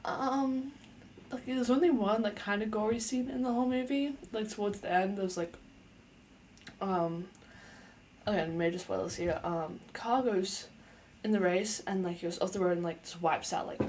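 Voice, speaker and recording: A woman's voice: mid-range voice, darkish tone, slight background noise. A young adult woman giving an unscripted casual review as a vlogger, chatty and playful, talking with lots of fillers.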